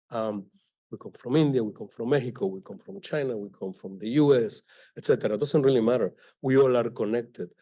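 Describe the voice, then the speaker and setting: A man with a mellow, dark-toned voice talks about his writing on a library panel. He speaks in a halting way, often restarting and hunting for the next word. His pitch sits in a middle range. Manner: halting, searching for words, restarts. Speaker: author on a panel, also teaches. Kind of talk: live panel talk at a library event. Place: library event hall.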